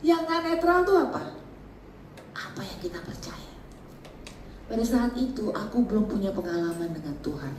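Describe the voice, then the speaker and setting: A middle-aged woman, giving a lively church workshop talk. She is chatty and joking, laughs often and mixes in English phrases. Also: medium pitch, moderate pace, long pauses. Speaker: seminar speaker. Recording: echoey hall, mic at a distance, faint background noise.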